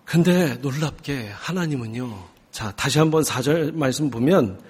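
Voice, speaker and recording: A male pastor preaching a sermon, lively and teasing, drawing answers from the congregation. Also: mid-range voice, normal speed, breathy edge. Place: church sanctuary. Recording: long hall reverb.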